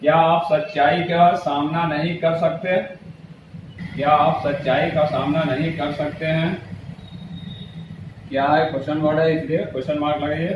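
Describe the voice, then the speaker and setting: A man teaching a spoken English lesson. He repeats each sentence slowly and switches back and forth between Hindi and English. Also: on the high side, little pitch movement. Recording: echoey room with faint noise.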